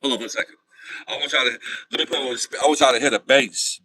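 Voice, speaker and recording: A man hosting a livestream, talking straight to his viewers in an animated, casual way. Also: medium pitch, quick pace, breathy edge, low-quality recording. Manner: animated, talks to viewers directly. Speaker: livestream host.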